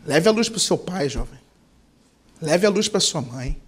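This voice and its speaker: A young man preaching as a pastor, telling a personal story and leading a prayer, with passion that swings between loud and hushed. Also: on the high side, animated, measured pace, breathy edge. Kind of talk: sermon with testimony and prayer.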